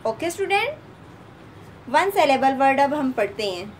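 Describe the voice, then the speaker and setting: This recorded kindergarten English class features a Pakistani-accented woman with a high voice and big swings in pitch, with slight background noise present. She goes slowly, spelling every word letter by letter and saying it again.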